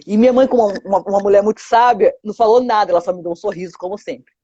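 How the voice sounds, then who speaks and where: A woman's voice: medium pitch, very fast, mellow, breathy edge, no room sound, muffled recording. A woman with a Brazilian Portuguese accent telling her testimony to a pastor in an interview, acting out quoted dialogue with lots of 'sabe?'. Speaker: guest giving a testimony.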